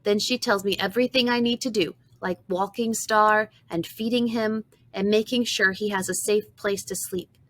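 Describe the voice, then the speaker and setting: A woman narrating a children's storybook in the first person, with a gentle, expressive reading. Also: mid-range voice, moderate pace. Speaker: audiobook narrator.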